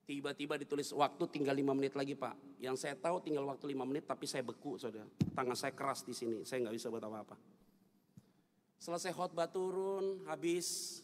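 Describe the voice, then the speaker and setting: A middle-aged man preaching a sermon, telling a personal story with animated delivery that climbs to loud emotional peaks. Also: medium pitch, a little fast. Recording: long hall reverb.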